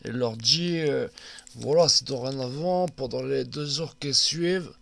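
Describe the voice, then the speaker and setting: A man's voice: mid-range voice, a little slow, vocal fry, fairly bright tone. A man telling a comedy story in a rambling way, full of fillers and hesitations. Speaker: comedian narrator.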